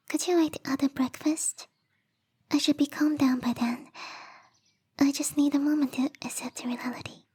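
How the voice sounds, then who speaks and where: In a sweet, pleading ASMR roleplay, a woman plays a lonely, bubbly young snow spirit. Her voice is soft, whispery, and pitched high.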